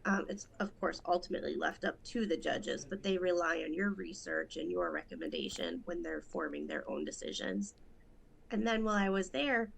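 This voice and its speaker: This is a thirties-aged woman from Rochester, New York, running for a judicial seat and speaking in a casual interview. Her lowish, gravelly voice is very animated as she explains things earnestly and in detail, sometimes speeding up.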